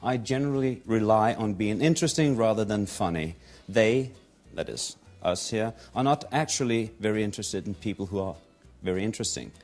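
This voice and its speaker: A man hosting a talk show interview in a teasing, deadpan way. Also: fairly low pitch, brisk, hardly any pauses, soft background music.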